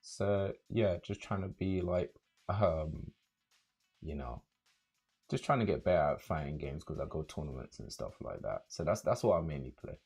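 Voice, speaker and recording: A young man with a London accent chatting casually with viewers on a livestream, relaxed and rambling with many fillers. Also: extremely low pitch, moderate pace, vocal fry, husky, faint music behind. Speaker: streamer.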